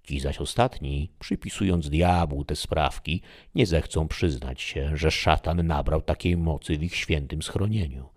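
A frightened young student pleading his case in an old adventure tale , voiced by a man. He speaks earnestly and a little urgently, in a husky, very deep voice. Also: unhurried, few pauses, darkish tone, full character voice. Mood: reassuring.

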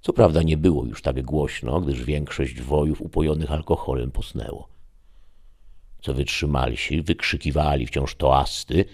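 A man narrating a story in a measured, steady reading style. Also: a bass voice, husky.

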